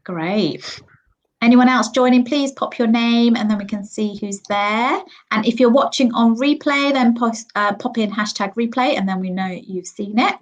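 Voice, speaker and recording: A woman's voice: a little high, moderate pace, lo-fi sound. A woman in her forties hosting a live online panel, chatty and upbeat, with frequent ums, recorded on a computer mic at home. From Sri Lanka, raised in England. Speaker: host.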